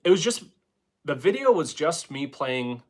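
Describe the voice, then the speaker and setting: Relaxed rambling drummer man. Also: a little high, a little slow, heavy background noise. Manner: rambling, relaxed, with many filler words. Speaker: drummer and channel host. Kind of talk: casual live-stream chat. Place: home, playing snare drum between talk.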